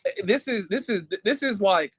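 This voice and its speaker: A man's voice: high voice, animated, moderate pace, fairly bright tone, husky, dry recording. A man who is a content creator, talking casually on a stream and hesitating with many fillers.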